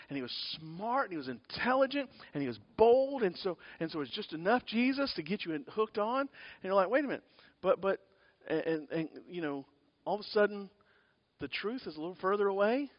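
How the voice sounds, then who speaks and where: A man preaching a sermon, telling stories in an animated, rambling way with many fillers and restarts. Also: high voice, fairly quick, no room sound, dull audio.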